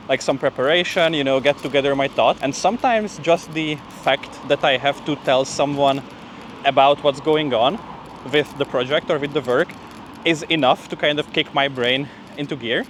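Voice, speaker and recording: Walking outdoors along a street, a young man who's a PhD student vlogger talks informally to the camera, a bit breathless and peppering his speech with "like" and "you know." His voice is a little high and slightly bright, and the recording clearly picks up traffic and street sounds.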